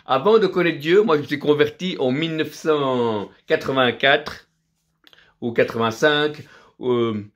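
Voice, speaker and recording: A man's voice: fairly high pitch, measured pace. A middle-aged man, from Vietnam, preaching a fervent sermon full of repetition and alleluias.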